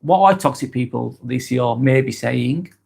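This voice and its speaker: This East Lancashire man speaks with a Lancashire accent, reading viewer comments aloud during a casual livestream vlog. The voice is mid-range, darkish and slightly rough, with vocal fry and a moderate pace. He rambles, full of ums and restarts.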